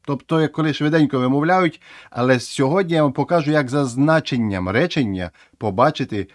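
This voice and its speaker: A man's voice: medium pitch, a little fast, dry recording, clean studio sound. A man teaching English grammar to learners, explaining patiently and repeating example words.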